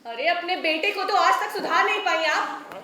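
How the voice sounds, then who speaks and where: A woman's voice: very high voice, moderate pace, sharp tone. A woman playing an indignant young daughter-in-law who stands up to her in-laws. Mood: defiant. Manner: indignant, pleading. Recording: echoey room, faint music.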